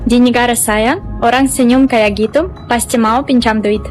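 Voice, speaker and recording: A woman's voice: on the high side, fairly even intonation, normal speed. A woman from Romania talking casually to the camera in a playful, joking way. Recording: music playing behind.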